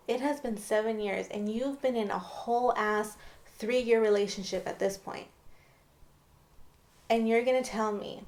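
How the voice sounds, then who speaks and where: A young woman in her twenties tells a storytime to her camera in a casual, chatty way. Her voice sits at an ordinary pitch, and she talks fast and slangy, with lots of laughter running through the telling.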